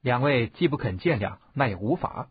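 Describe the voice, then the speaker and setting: A man voicing a blinded older male martial master who speaks with cold, measured courtesy in a husky voice. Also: mid-range voice, lively intonation, dry recording, phone-quality sound. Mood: coldly polite.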